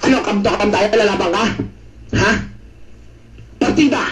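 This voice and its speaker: A man roasting and taunting others in an online voice chat, swearing constantly and breaking into shouts. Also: high-pitched, moderate pace, roomy sound, soft background music, rough recording. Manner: taunting, cursing, mocking, shouting bursts. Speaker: voice chat room regular. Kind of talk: trash-talk roast in voice chat.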